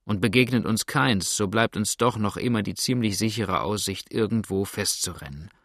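A man's voice: fairly low pitch, normal speed, a bit bright, no echo, studio quality. A man reading a blunt, grudging river boatman in an audiobook. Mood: grumbling. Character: grumbling seasoned river boatman.

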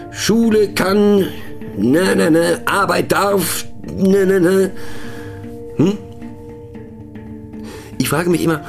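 A male actor with a mid-range voice portrays a train passenger in a radio play, musing and mocking. His delivery is ponderous and creaky, with hushed asides.

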